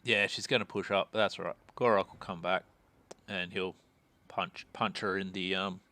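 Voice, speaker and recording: A man's voice: deep voice, flat delivery, normal speed, sharp tone. A man streaming a strategy game, thinking aloud and muttering casual commentary as he plays.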